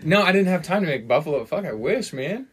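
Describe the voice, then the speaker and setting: A man's voice: a little high, expressive, a little fast, a loud crowd. A man chatting casually with friends as a podcast co-host, rambling and swearing in mock argument. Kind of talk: casual banter among friends.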